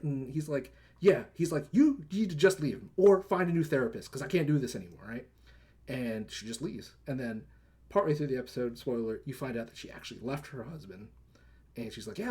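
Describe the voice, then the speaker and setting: A podcast co-host with a medium-pitched, slightly mellow and somewhat rough voice talks fast with lively intonation on a live movie podcast. He recaps plots in rambling, casual chat packed with fillers like "like" and "right?", and acts out characters' lines in quotes.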